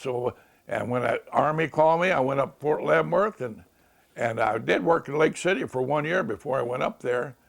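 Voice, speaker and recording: Very gravelly old American veteran remembering. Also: male voice, mid-range voice. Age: 90s. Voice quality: gravelly, creaky aged voice. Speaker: World War II veteran. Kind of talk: oral history reminiscence.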